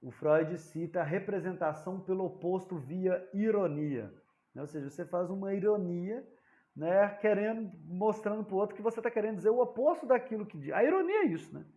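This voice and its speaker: A man's voice: high-pitched, dark tone. A man giving an informal lecture, talking conversationally, dropping frequent tag questions and acting out the dialogues of jokes. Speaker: psychoanalysis lecturer.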